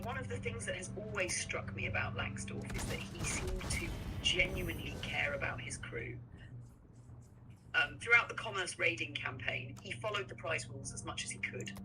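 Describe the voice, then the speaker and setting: An AI voice assistant calmly explaining history in chat answers, reading out web links. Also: mid-range voice, far from the mic, background noise. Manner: measured, reads out links.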